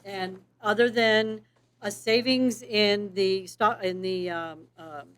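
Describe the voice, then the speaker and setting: A woman's voice: mid-range voice, fairly even intonation, slow pace, a bit bright. A woman giving a board meeting presentation, explaining things step by step. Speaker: appraisal district official presenting.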